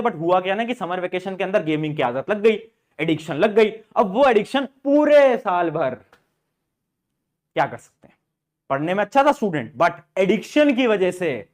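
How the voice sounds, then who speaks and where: A man's voice: high voice, animated, a little fast. A young man giving motivational study advice to students, putting questions to them and answering them himself. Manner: talks directly to students, answers his own questions. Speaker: study guidance youtuber.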